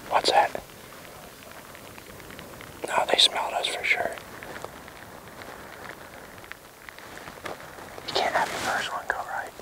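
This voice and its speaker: A man whispering hushed commentary outdoors while stalking wildlife, as if careful not to be heard by the animals. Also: measured pace, low-quality recording. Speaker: bowhunter filming his hunt. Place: outdoors in open hilly country.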